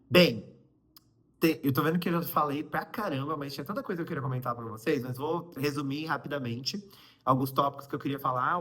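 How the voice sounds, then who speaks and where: A man's voice: mid-range voice, a bit bright. A young man from Brazil with a Brazilian Portuguese accent, chatting casually to his viewers in a vlog, full of fillers and asides. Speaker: vlogger.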